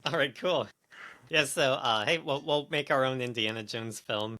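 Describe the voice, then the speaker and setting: Bright-voiced man hosting a casual podcast. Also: mid-range voice, normal speed. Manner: hesitant, many fillers and restarts. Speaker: podcast host. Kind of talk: casual chat.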